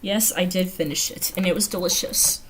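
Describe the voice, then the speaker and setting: This livestream host speaks in a lowish, brisk voice with an American accent from the Carolinas. She keeps things casual and giggly while reading out what viewers comment, and the home recording is noisy.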